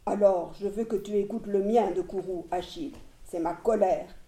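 A woman's voice: medium pitch, normal speed, warm tone, close to an everyday voice. A woman reading the lines of a tearful young male warrior who pleads earnestly. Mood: pleading. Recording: roomy echo.

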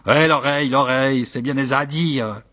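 A man's voice: mid-range voice, normal speed, pushed and bright, close to an everyday voice. A man voicing a poor young husband who grumbles in exasperation about money and children. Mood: exasperated.

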